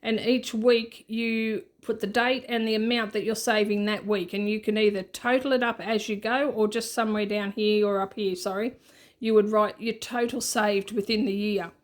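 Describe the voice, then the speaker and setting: This woman from Australia has a mid-range voice with fairly level intonation and a normal pace. Hosting her budgeting channel, she walks viewers through her printables in a casual show-and-tell, laughing at herself as she goes.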